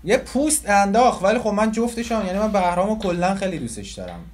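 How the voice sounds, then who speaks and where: A man interviewing a rapper in a relaxed, agreeable, chatty way. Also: sits high. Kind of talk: casual interview chat.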